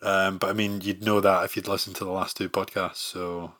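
A podcast host with a low-pitched voice chats casually and briskly, rambling in a relaxed way with lots of fillers. There is noise in the background.

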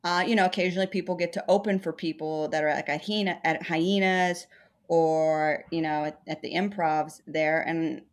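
A woman's voice: sits low, fairly even intonation, normal speed. A woman comedian from Texas, in her thirties, telling her story in a chatty, self-deprecating way during an interview. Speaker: stand-up comedian.

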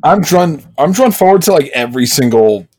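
A man's voice: fairly high pitch, expressive, a little fast, darkish tone. A man co-hosting a podcast in casual chat, laid-back and slangy, with some swearing as he answers listener questions. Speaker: podcast co-host.

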